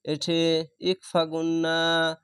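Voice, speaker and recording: In a slow recitation lesson, a Bangladeshi man spells each Quranic word by letter and syllable, then reads the whole word, with a Bangladeshi Bengali accent. His slightly high, somewhat bright voice is monotone, clear, and resonant, with drawn-out words. The studio sound is clean, with no echo.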